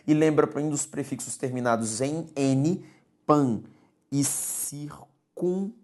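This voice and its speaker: A woman's voice: a bass voice, measured pace, a little mellow. A woman teacher giving a recorded grammar lesson, explaining step by step and checking in with her students. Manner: didactic, repeats key words, checks in with "tudo bem?".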